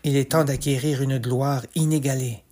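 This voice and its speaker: A man narrating a rhymed epic tale in a slow, measured, rhythmic way. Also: mid-range voice, steady tone. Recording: soft music underneath.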